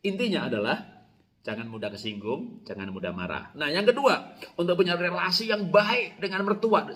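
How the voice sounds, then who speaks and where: Animated Indonesian pastor preaching. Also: male voice, fairly high pitch, slight background noise. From Java, Indonesia. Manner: storytelling with laughs and animated quoted shouts. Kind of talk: sermon.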